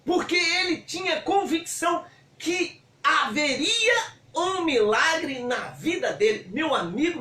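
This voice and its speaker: A man preaching a sermon as a bishop, fervent and swinging from hushed to shouting. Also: extremely high pitch. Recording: echoey room, voice from far off.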